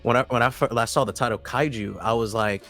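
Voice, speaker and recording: A man's voice: mid-range voice, fairly even intonation, fast talker, a bit bright, soft background music. A man co-hosting an anime podcast, talking in a loose, rambling way with lots of restarts and fillers. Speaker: podcast co-host. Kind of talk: casual chat.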